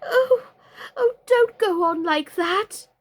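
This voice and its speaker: A woman voicing an excitable, bossy old storybook queen who wails and exclaims, turning squeaky when excited. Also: takes it slowly. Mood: fretful, pleading. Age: older.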